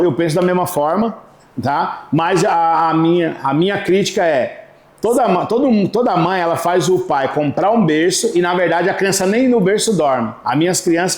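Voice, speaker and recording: A man hosting a podcast, asking questions in relaxed, slangy chat. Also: sits high, echoey room. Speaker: podcast host. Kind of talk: casual podcast interview.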